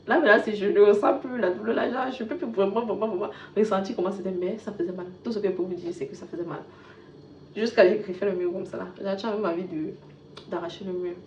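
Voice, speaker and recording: A woman vlogger casually retelling a personal story, switching from loud bursts to soft asides. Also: medium pitch, fairly even intonation, quick pace. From Cameroon. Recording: echoey room, dull lo-fi sound with faint hiss.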